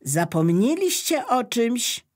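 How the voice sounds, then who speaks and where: A woman's voice: on the high side, sing-song, slow pace, a little mellow, voice pushed up, heavily acted. A woman voicing a helpful, eager fountain pen in a children's story.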